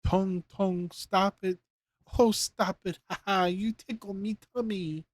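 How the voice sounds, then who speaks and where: A man voicing a tiny, childlike piece of talking wood with a squeaky, high voice. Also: very slow, warm tone, dry recording, full character voice. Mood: ticklish.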